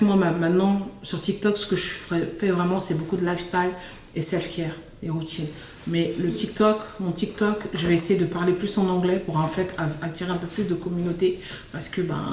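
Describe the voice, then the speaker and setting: A woman's voice: on the low side, darkish tone, distant mic. A young woman vlogging casually to camera, rambling with lots of fillers and restarts. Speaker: beauty and lifestyle vlogger. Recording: echoey room with faint noise.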